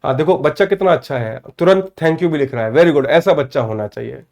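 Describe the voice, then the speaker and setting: A man with an Indian accent teaching an online English grammar class, calling students by name, checking they follow, and saying English phrases slowly word by word. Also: on the high side, darkish tone. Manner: addresses students by name, asks "clear?" often; mixes Hindi with slow, spelled-out English.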